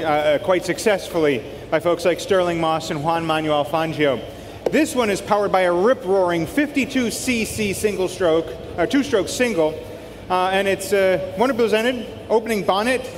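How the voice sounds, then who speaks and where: A man presenting auction lots live, reading upbeat descriptions in a breezy, colloquial way. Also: high voice. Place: large auction hall. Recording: echoey hall PA, background noise.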